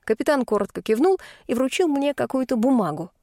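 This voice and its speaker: A woman narrates an audiobook in the first person with a fairly high, mellow voice. She reads expressively, and the recording is dry and close. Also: fairly quick, dry recording. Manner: expressive, indignant in dialogue.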